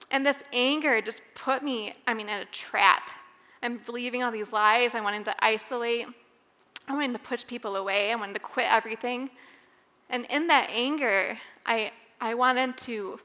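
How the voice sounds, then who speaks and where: A woman speaks to a women's Bible study in a candid, conversational way, pausing and restarting as she works through a personal story. Her voice sits fairly high and sounds bright and clear. A long hall reverb trails behind her words. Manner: candid, conversational, with fillers and emotional pauses. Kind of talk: personal testimony devotional talk.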